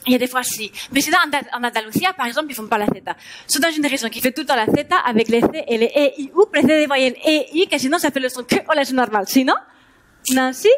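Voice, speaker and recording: Woman, Spanish accent, high voice; stand-up as an exuberant language teacher on a stage mic. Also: fast talker. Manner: playing a bubbly Spanish language teacher, mixing Spanish into French. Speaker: stand-up comedian. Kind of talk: stand-up comedy routine. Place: theater stage before a live audience.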